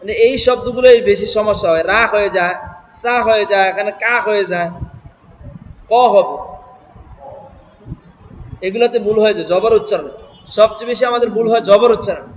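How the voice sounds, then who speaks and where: A man's voice: high-pitched, a little fast, pauses often, slight background noise, rough recording. A man teaching Quran reading who sounds out syllables one by one, repeats them and quizzes his listeners, with a Bangladeshi Bengali accent. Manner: drills syllables aloud, repeating and asking the class. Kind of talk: step-by-step reading lesson.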